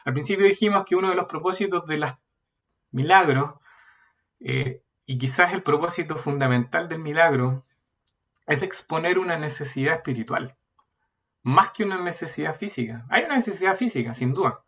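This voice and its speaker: A man preaching a sermon at a youth meeting, earnest and building to loud emphasis. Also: a little high, expressive, moderate pace, far from the mic.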